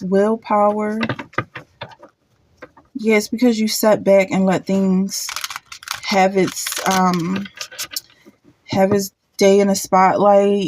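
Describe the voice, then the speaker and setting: A woman giving a casual pick-a-card tarot reading, thinking aloud with halting restarts and repeated words. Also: mid-range voice, darkish tone, a little hiss or hum.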